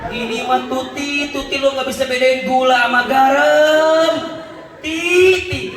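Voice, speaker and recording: A man voicing a grumpy middle-aged husband, bluntly scolding his wife in rough slang, in an echoey hall. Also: very high voice, steady tone, slow pace, a bit bright, a faint crowd, a little hiss or hum, exaggerated voice. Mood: irritated. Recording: echoey hall, mic far off.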